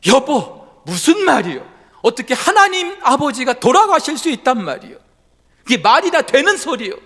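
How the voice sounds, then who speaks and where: A male pastor voicing a stern middle-aged husband who fires off indignant, sharp questions. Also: high-pitched, very animated, moderate pace, creaky, heavily acted. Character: startled then angry husband, middle-aged man, stern.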